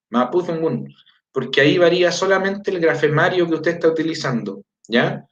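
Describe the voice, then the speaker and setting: Male language teacher, patient and explanatory, a touch high-pitched, recorded with room echo. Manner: patient, explanatory, often checks in with "¿ya?". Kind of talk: online language lesson. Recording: echoey, slightly dull sound.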